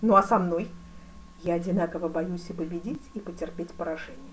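A woman voicing a composed, polite fencing master in an audiobook, speaking quietly and with deference. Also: on the low side, fairly quick, slight background noise, close to an everyday voice, poor audio. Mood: calm. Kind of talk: audiobook character reading.

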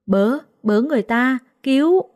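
A quarrelsome young maid, voiced by a woman narrator yells and accuses in a shrill, raised voice. The stays clear, and the tone underneath is warm and mellow. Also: brisk, no room sound, studio quality, close to an everyday voice. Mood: shrill accusing. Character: young female house servant, shrill and accusing.

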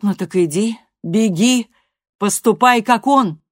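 A woman voicing a weary, grieving mother who speaks softly and slowly with resignation. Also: lowish voice.

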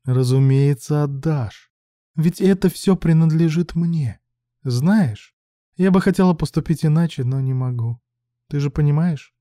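A man voicing a cruel scheming mother, slow mocking drawl. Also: on the high side, mellow, no echo, clean studio sound, voice pushed up, close to an everyday voice. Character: scheming cruel older mother, female villain.

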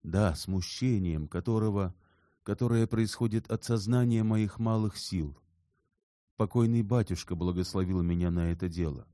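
A man's voice: on the low side, normal speed, mellow, dry recording, clean studio sound, pitched above the performer's own voice, natural voice. A man voicing a shy, earnest young male scholar in an audiobook, speaking mildly and carefully. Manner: mild, careful, a little bashful. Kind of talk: audiobook character reading.

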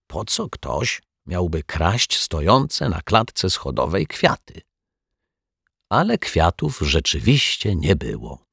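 A man narrating a children's story in an expressive, unhurried manner. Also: deep voice, creaky, breathy edge, no echo, clean studio sound.

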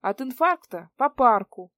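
Woman reads young idealist heroine, calm and firm, dry close read. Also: high-pitched, measured pace, no room sound, pitched above the performer's own voice. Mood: breathless, teasing.

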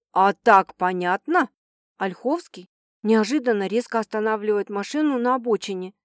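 A woman's voice: high-pitched, darkish tone, no room sound, studio quality. A woman reading a first-person audiobook with dramatic, tense storytelling. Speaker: audiobook narrator.

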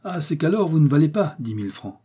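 Guy voicing a gruff old normandy mayor, blunt, husky low-key voice. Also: sing-song, quick pace, dark tone. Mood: stern. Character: shrewd older Normandy village mayor, blunt.

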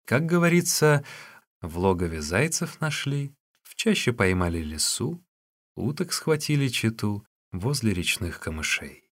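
Expressive male audiobook narrator. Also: on the low side, unhurried. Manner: expressive storytelling. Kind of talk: scripted narration of a classic tale.

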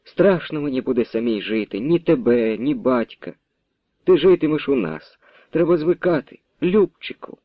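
A man's voice: mid-range voice, expressive, moderate pace, dry recording, narrow, tinny audio, voice pushed up. A man doing a timid young village girl. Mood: anxious, tender.

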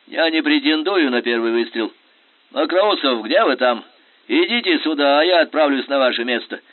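A man's voice: mid-range voice, expressive, normal speed, dry recording, pitched above the performer's own voice, close to an everyday voice. Field: a man doing an imperious scornful general. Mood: commanding. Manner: commanding, biting, sarcastic. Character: imperious scornful Russian general, middle-aged. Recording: tinny phone-like sound.

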